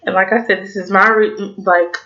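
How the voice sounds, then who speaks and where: A woman's voice: medium pitch, steady tone, moderate pace, sharp tone, highs cut off. A young woman in her twenties with a Southern US accent, rambling tipsily and swearing through a casual TV review vlog. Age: 20s. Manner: rambling, swearing, many "like" fillers. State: tipsy, slightly slurring. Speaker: TV review vlogger. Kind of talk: casual chat.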